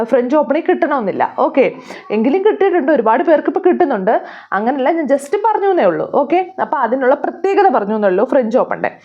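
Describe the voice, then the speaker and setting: A woman's voice: on the high side, lo-fi sound. A woman teaching an exam-prep lesson, asking questions and answering them herself while repeating key names. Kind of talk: casual explanatory lesson.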